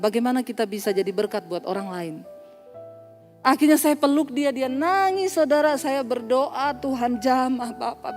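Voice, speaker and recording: A woman pastor preaching a sermon, animated and telling stories, acting out dialogue and laughing at her own jokes. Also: a little high, big-room sound. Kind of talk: sermon with storytelling.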